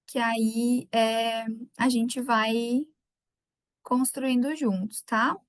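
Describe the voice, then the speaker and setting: Speaking through a computer mic at a live webinar, this Brazilian woman from Rio Grande do Sul has a light Gaúcho accent and a fairly high, steady voice that draws words out. The audio is studio quality with no room sound. Chatty by nature, she greets her viewers by name with warmth.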